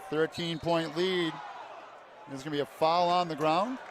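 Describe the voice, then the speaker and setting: A man calling a high school basketball game play by play in short clipped phrases, rising to shouts on big plays. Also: fairly even intonation, a little slow. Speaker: play-by-play announcer. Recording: loud crowd and arena noise. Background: cheering crowd, bouncing basketball.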